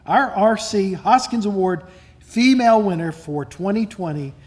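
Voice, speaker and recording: A man presenting at an awards lunch reads each citation in a measured, formal way, with his voice sitting a touch high. Now and then he pauses to find his words. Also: animated, a little mellow, husky. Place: event hall at a lunch.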